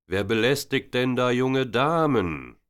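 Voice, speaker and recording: A man's voice: mid-range voice, animated, slow pace, a bit bright, smooth, pitched above the performer's own voice. A man voicing an authoritative male police officer. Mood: commanding. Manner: authoritative, then concerned.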